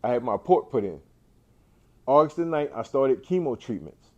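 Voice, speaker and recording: Emphatic man with a warm, mellow voice. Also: mid-range voice, very animated, moderate pace, highs cut off. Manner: emphatic, repeats phrases, many restarts; faith-driven, preacher-like delivery. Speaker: cancer survivor speaking to an audience. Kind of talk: inspirational talk. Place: indoor venue with an audience.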